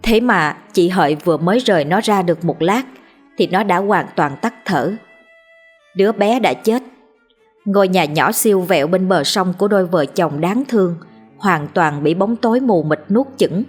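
A woman narrating a ghost story in a measured, somber storytelling voice. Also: fairly low pitch, lively intonation, slightly rough. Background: faint music.

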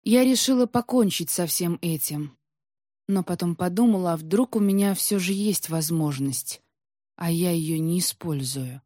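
A woman's voice: fairly low pitch, a little slow, warm tone, dry recording, studio quality. A woman voicing a proud, bitter young tsaritsa who speaks coldly and insistently in a storybook reading. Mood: mocking. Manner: cold, prickly, insistent.

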